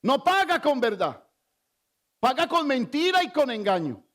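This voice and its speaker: A man's voice: very high-pitched, big pitch swings, a little slow, a bit bright. A male pastor preaching a sermon with emphasis, asking the congregation questions as he goes.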